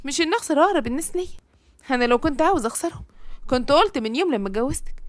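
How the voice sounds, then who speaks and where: A woman's voice: sits high, animated, very fast, dry recording. A woman with an Egyptian accent voicing a troubled young husband, a brooding surgeon who speaks in a weary, curt way. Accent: Egyptian Arabic.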